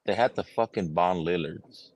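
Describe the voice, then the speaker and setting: A man with a low voice in casual livestream chat. He is blunt and swears heavily, speaking like one of a group of friends. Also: moderate pace. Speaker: livestream participant.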